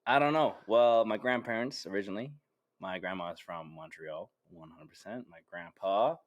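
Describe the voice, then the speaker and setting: A man's voice: sits low, normal speed. A young man from Calgary with a Canadian accent, a bar worker chatting as a podcast guest, easygoing and agreeable. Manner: easygoing, agreeable, often says "absolutely". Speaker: guest, bartender. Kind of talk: casual chat.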